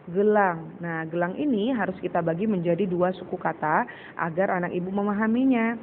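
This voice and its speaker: A woman teacher giving a patient recorded lesson to children, slowly sounding out syllables and repeating words. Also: on the low side. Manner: addresses pupils as "Nak". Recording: tinny phone-like recording with faint hiss.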